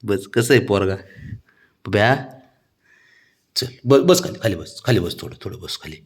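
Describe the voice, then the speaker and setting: A man speaks to his pet cat in coaxing baby talk, expressive and unhurried. He sounds soothing and pleading, and his voice swoops up high whenever he asks a question.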